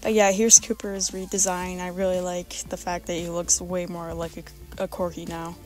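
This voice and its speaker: A woman with a raspy voice giving a casual, informal vlog voice-over about her art, rambling and hesitant as she goes. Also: lowish voice, flat delivery, moderate pace, a little mellow, soft background music. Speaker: artist presenting original character redesigns.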